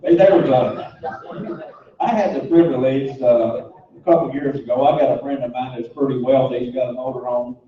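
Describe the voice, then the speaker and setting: A man's voice: medium pitch, fairly even intonation, normal speed. A man telling a folksy, rambling anecdote to an audience, repeating his phrases. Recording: echoey hall, distant mic, dull sound.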